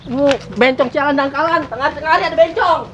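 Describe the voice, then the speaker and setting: A man as a fast, high-voiced cart puller. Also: bright, forceful tone, slight background noise. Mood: mocking, exasperated. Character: flustered cart puller, apologetic then rudely mocking. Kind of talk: comedy skit acting.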